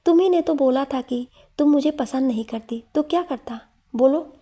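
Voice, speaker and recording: A woman's voice: sits high, moderate pace, mellow, natural voice. Woman reading as a lovestruck young professor. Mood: pleading. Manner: teasing, pleading. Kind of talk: storytelling narration.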